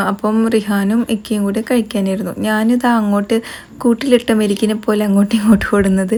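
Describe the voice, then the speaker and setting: A woman's voice: medium pitch, a little mellow. Chatty woman vlogger. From Kerala. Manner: chatty, tags sentences with "you know". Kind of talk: casual cooking vlog narration. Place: home kitchen.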